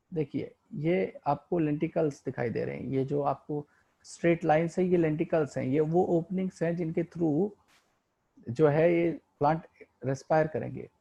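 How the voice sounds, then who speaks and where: A man's voice: on the high side, unhurried, creaky, mellow, breathy edge, muffled recording. A man teaching a biology lesson over a diagram, asking his students questions and answering them himself, with English terms mixed into his Hindi. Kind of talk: online lecture explaining a diagram.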